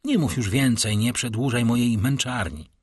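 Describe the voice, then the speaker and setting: A man's voice: mid-range voice, moderate pace, darkish tone, breathy edge, no echo, studio quality, natural voice. A man voicing a despairing young man who is sincere and weary of life, in a pleading, heartfelt delivery.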